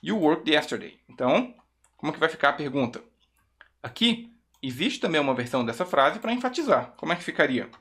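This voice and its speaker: Patient Brazilian English teacher. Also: male voice, a little high, big pitch swings, fairly bright tone. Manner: repeats example sentences slowly and clearly, checks in with "tá?". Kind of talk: video lesson.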